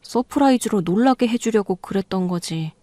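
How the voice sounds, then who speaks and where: A woman's voice: medium pitch, lively intonation, moderate pace, dark tone, no room sound, close to an everyday voice. Radio-drama husband, clueless and defensive , done by a woman; dry close sound. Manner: defensive, pleading.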